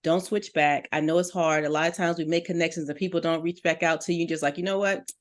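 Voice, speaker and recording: With a deep voice, fairly even intonation and a fast pace, a middle-aged business coach on a talk show earnestly encourages her audience. She is direct and speaks to listeners as "you."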